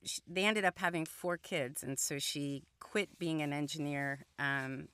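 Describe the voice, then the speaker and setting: This is a middle-aged engineer and entrepreneur from Columbus, Ohio, appearing as a guest on a radio interview. She speaks thoughtfully in a low, unhurried voice that is fairly bright and clean, often saying "um" and restarting her sentences.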